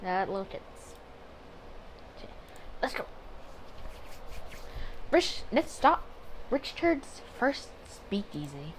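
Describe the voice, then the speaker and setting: Slow and sing-song at medium pitch, with long pauses, this woman hosts a relaxed let's play on her gaming channel. She reads visual novel text aloud, chats and rambles, stops to correct herself apologetically, and her home recording is rough with background noise.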